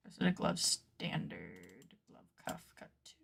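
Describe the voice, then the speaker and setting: A woman streaming casually while she works at a computer, playfully dramatic as she scolds her sewing patterns out loud. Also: very deep voice, very animated, unhurried, vocal fry, husky. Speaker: cosplay pattern maker and streamer. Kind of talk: casual livestream chat while working at a computer.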